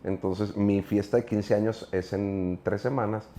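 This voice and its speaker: A man's voice: lowish voice, fairly even intonation, a little slow, warm tone, a little hiss or hum. A middle-aged man with a Mexican accent, a preacher telling stories in an interview, earnest and rambling with many filler words. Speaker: guest preacher. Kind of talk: casual interview storytelling.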